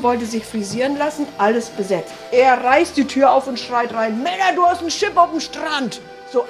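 A woman museum guide tells stories in a chatty way, tagging her lines with "ne?". Her voice sits high. Soft music plays faintly behind her. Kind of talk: casual storytelling.

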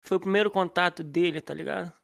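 A young Brazilian man with a high-pitched voice chats casually as a podcast co-host. His talk is slangy and joking. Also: steady tone, fast talker, vocal fry.

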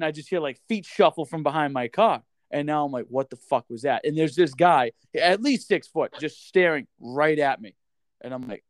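A man's voice: on the high side, no echo, clean studio sound. A man co-hosting a casual podcast, swearing freely and acting out quotes as he tells stories. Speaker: podcast co-host.

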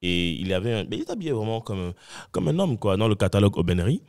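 A man's voice: on the low side, very animated, very fast, a little mellow. A young adult man, a podcast guest, telling a story in casual chat and acting out the voices of other people.

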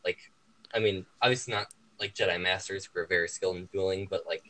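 A man's voice: low-pitched, steady tone, fast, bright, forceful tone, rough recording. A young man chatting casually about movies, opinionated and sarcastic. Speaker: guest movie reviewer. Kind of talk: casual chat.

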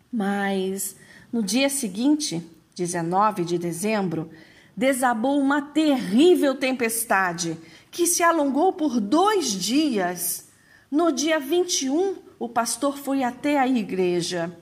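A woman with a somewhat high, husky voice telling a story in a measured, expressive way. She now and then turns to the listener with a casual aside. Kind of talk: storytelling narration.

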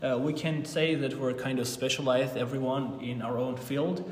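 A man's voice: mid-range voice, steady tone, normal speed. A man, a guest on an interview podcast, explaining things earnestly and formally. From Armenia. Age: 20s. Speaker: guest, youth ambassador. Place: office in Berlin. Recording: roomy, reverberant room.

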